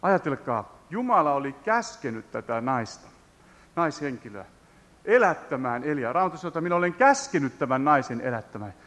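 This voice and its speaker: A man preaching a Pentecostal sermon, retelling a Bible passage and then rising into loud, high-pitched exhortation. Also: lively intonation, big-room sound.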